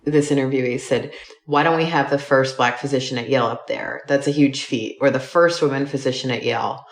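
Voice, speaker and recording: A woman's voice: very deep voice, steady tone, brisk, echoey room. A young woman, a former medical student, recounting experiences in a casual, chatty interview full of fillers. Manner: chatty, uses many fillers.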